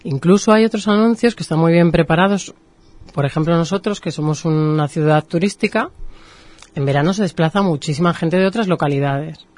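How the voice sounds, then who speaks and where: Brisk and fairly low-pitched, a woman with a Spanish accent from Spain explains marketing concepts patiently in a radio interview. She works in marketing and keeps her points lively with examples.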